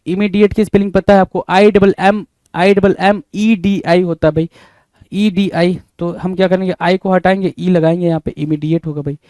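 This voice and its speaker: A man's voice: high-pitched, dark tone, dry recording. A man teaching English spelling in Hindi, spelling words letter by letter and repeatedly asking the listener what the answer is. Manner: repeats questions to the listener, often adding "bhai".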